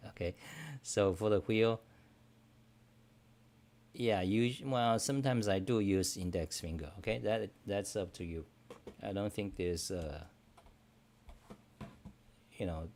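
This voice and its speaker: Fielding viewer questions on a livestream, a middle-aged man whose first language is Chinese talks in a blunt, rambling, casual way. His pitch is fairly low, he curses freely, and his phrases come out loose and broken.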